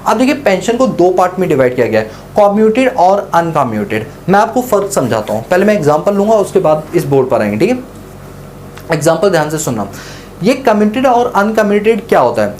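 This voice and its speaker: A man's voice: high-pitched, sing-song, a little fast, a little mellow, a little hiss or hum. Man teaching, asking and answering himself. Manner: asks questions and answers them himself; explains through a story told in first person. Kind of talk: lecture.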